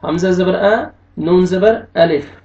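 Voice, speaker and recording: Slow, high-voiced male Quran teacher. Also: a little mellow. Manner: slow syllable-by-syllable spelling with drawn-out recited words. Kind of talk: spelling out Quranic recitation lesson. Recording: echoey, distant, dull lo-fi room sound.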